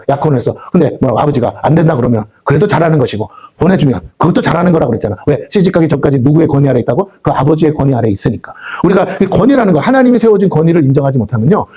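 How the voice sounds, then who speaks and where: A pastor preaches to a prayer-house congregation, rattling off rhetorical questions and slipping into the voices of the people he quotes. His voice is dark and husky, pitched a little high for a man. He speaks quickly, with pitch swinging widely. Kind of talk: sermon. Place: prayer house meeting hall.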